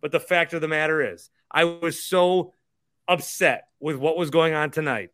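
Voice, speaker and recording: A drunk man hosts a fan livestream in a bright, forceful voice, pitched a little high. He rambles and swears with exasperation, and the sound is close and dry. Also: steady tone, normal speed, no room sound. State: drunk, tipsy. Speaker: host of a sports fan livestream. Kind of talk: rambling livestream rant about basketball.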